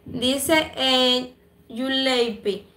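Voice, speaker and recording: A woman's voice: high voice, steady tone, drawn-out words, bright, forceful tone, reverberant. Chatty Cuban woman on a livestream. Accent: Cuban Spanish. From Cuba. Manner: chatty and affectionate, many fillers. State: throat-clearing from allergies. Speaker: livestream host. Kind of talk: casual livestream chat reading comments.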